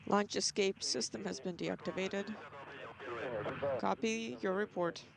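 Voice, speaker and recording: A man's voice: high voice, steady tone, measured pace, vocal fry, crowd noise. A man on a crackly two-way radio link, giving clipped launch-control callouts. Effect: crackly two-way radio transmission. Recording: noisy distant radio link.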